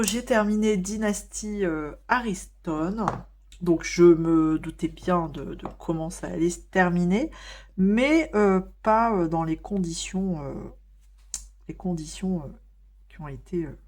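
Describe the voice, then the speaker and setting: Woman vlogging at home while coloring, lowish voice, lots of umms and restarts, chatty. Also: takes it slowly, darkish tone. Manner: chatty, many hesitations and fillers. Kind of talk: casual chat while coloring.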